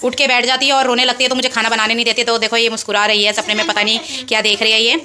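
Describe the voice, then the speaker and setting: A woman's voice: on the high side, flat delivery, very fast, sharp tone. A mother filming a casual home vlog indoors on a phone, chatting to her viewers and coaxing her children along. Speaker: vlogger, mother.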